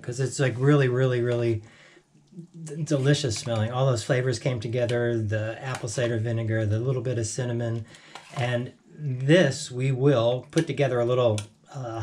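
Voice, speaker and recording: Frying and sizzling fill this noisy home kitchen recording of a casual cooking vlog. The host, an American man in his sixties, walks through every step in his small kitchen, chatting and catching his own slips. His medium-pitched voice has a somewhat bright sound.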